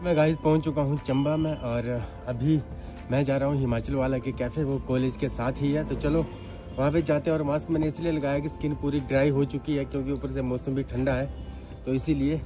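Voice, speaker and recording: A man's voice: mid-range voice, level tone, fairly quick, over music. A young man narrating a casual travel vlog, chatting to his viewers while holding his phone at arm's length, outdoors and in a small cafe. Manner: chatty, addresses viewers as guys. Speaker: travel vlogger. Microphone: phone camera at arm's length.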